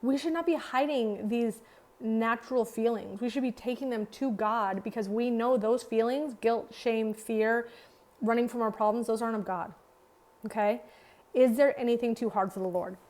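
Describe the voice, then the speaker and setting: A woman's voice: fairly high pitch, moderate pace, darkish tone. A woman leading a Bible study, teaching earnestly, asking her listeners questions and stacking repeated phrases for emphasis. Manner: speaks directly to listeners with rhetorical questions. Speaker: Bible study leader and ministry founder.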